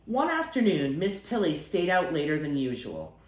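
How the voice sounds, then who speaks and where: At a moderate pace, a woman reads a picture book to young children, her delivery lively and expressive with lots of pitch movement. Noticeable room echo surrounds her voice.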